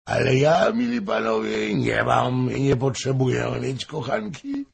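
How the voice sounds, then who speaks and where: A man voicing a drunk, boastful male courtier who gushes loudly. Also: medium pitch, lively intonation, measured pace, creaky, slightly rough, pitched above the performer's own voice, exaggerated voice. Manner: exclaiming, gushing.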